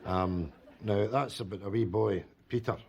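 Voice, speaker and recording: An actor playing a bumbling old cartoonist who rambles with many hesitations and restarts in a sketch comedy. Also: male voice, on the low side, unhurried, gravelly, a little mellow. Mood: unsure. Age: older.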